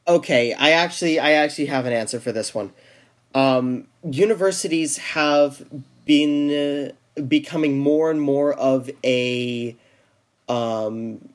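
A young man in casual podcast conversation, talking in a loose, rambling way. He restarts his sentences often and fills the gaps with ums and likes, with a pitch that sits in the ordinary middle. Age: young adult. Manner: rambling with many restarts and fillers. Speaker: podcast co-host. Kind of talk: casual chat.

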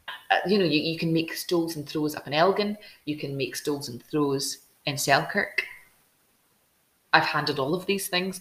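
A woman's voice: sits low, a bit bright, roomy sound. A woman from Glasgow with a Scottish accent, hosting a casual chat and telling stories with enthusiasm, often restarting her sentences. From Scotland. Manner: enthusiastic, storytelling, with frequent restarts.

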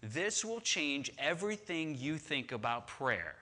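A pastor delivering a sermon in a bright, ringing voice. He speaks slowly and deliberately, repeating key phrases for emphasis and climbing into fervent, rising lists. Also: fairly high pitch, big pitch swings.

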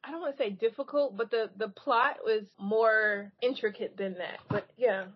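A woman's voice: fairly high pitch, moderate pace, husky, lo-fi sound. A woman guesting on a podcast in casual chat, friendly and brief, laughing often.

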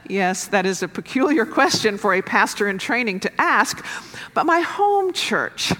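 A woman pastor delivering a sermon in a measured, earnest way, building to emphatic rises. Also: medium pitch, big pitch swings, a bit bright. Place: church sanctuary. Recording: long reverb of a church hall.

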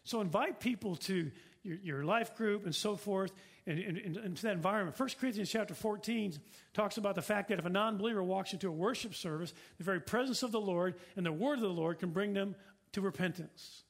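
A man's voice: high-pitched, a little fast, slightly rough. A middle-aged man preaching a sermon as pastor, earnest and repetitive, with rhetorical questions.

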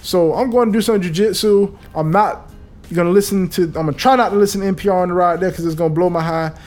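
Animated, profane man with a high voice. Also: fast talker, faint music behind. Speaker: podcast host. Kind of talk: casual monologue.

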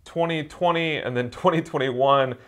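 A man's voice: a little high, moderate pace. Man, a church elder telling a story. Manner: relaxed storytelling, frequent "uh"s. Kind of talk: conversational preaching.

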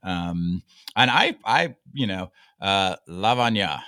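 A man's voice: mid-range voice, expressive, unhurried, a bit bright, no room sound, clean studio sound. A man hosting a business podcast, reading a scripted intro and then chatting in a joking, self-deprecating way over a video call from an office. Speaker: podcast host and company founder. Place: office headquarters.

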